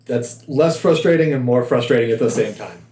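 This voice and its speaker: A man playing a tabletop game, lively as he explains his character's gear. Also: medium pitch, fairly quick, recorded from a distance. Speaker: player. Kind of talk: casual tabletop game chat. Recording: echoey room.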